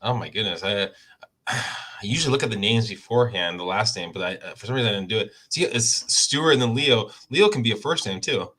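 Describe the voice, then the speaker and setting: A man's voice: on the low side, expressive, brisk, bright, forceful tone. A man hosting a podcast interview, friendly and a bit self-correcting, stumbling over names now and then. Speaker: podcast host. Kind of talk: casual interview chat.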